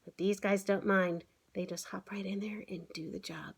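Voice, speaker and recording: A children's author who hosts story time online reads through a picture book, frequently asking her young audience simple questions and exclaiming to them. Her medium-pitched voice has a breathy edge, moves at a normal speed, and keeps a fairly even intonation.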